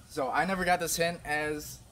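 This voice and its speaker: A man's voice: fairly high pitch, fairly even intonation, moderate pace, bright, forceful tone, a little hiss or hum. Give me a teasing man hosting a casual challenge. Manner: teasing, coaxing, gives hints. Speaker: video host running a challenge. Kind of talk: casual chat.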